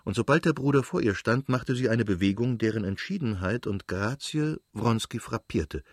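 A man narrating a classic novel as an audiobook in a measured, literary reading. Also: medium pitch, no room sound, studio quality.

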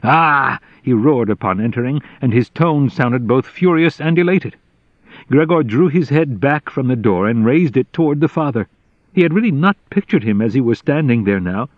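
Measured male audiobook narrator. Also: medium pitch, animated, no echo, muffled recording. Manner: measured, deliberate reading. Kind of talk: scripted literary narration.

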